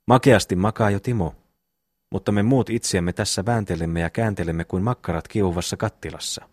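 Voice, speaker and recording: A man voicing a loud, hot-tempered eldest brother who gives orders and blusters in an audiobook reading. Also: deep voice, no room sound. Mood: blustering. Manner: blustering, commanding.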